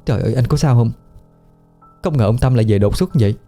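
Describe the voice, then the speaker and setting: A man's voice: mid-range voice, lively intonation, fast, warm tone, faint music behind, pitched above the performer's own voice, natural voice. A man voicing a young scheming unfaithful wife with a pleading, wheedling manner. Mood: anxious coaxing.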